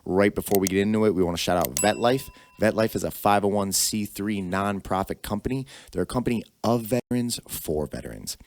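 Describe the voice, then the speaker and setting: A man hosting a podcast, reading a sponsor shout-out and introducing his guest with upbeat enthusiasm. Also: on the low side, fairly quick, few pauses. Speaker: podcast host.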